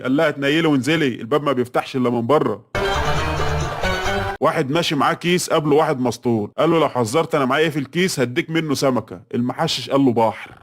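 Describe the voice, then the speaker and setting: A man with an Egyptian Arabic accent reading a string of short jokes in a brisk, flat scripted delivery. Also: mid-range voice. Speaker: joke teller. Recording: voice-over with loud background music.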